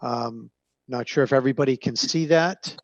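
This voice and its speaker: 화상 통화로 들리는 차분한 남자. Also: male voice, medium pitch, no echo. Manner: measured, hesitant, with frequent fillers. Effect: heard over a video call. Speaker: staff member presenting an application to a zoning board. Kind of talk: presenting documents page by page at a public meeting. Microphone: computer microphone on a video call. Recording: dull, narrow-band call audio.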